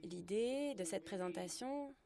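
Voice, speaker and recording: A woman delivers a live interpretation of a lecture at a middle pitch. Her phrasing is halting, and she corrects herself in mid-sentence as she follows the speaker. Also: animated, vocal fry, mellow. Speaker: simultaneous interpreter.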